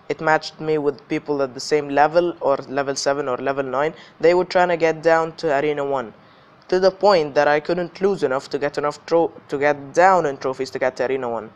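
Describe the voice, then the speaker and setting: Higher-pitched man, casual gaming commentary, slightly ill. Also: clean tone. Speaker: gaming video host.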